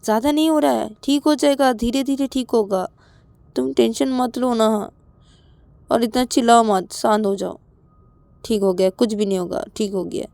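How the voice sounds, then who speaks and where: A patient young woman in a storybook romance, played by a woman narrator, coaxing and reassuring over and over. Her voice sits high and bright. The recording is close and dry. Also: normal speed, gravelly, dry recording. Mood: soothing. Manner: coaxing, reassuring, repeats herself.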